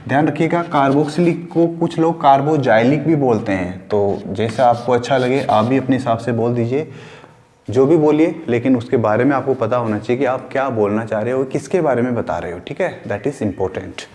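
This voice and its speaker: A male chemistry teacher giving a lesson in a casual classroom style. He asks questions and answers them himself, mixes in English terms, and repeats key words slowly. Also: mid-range voice, warm tone.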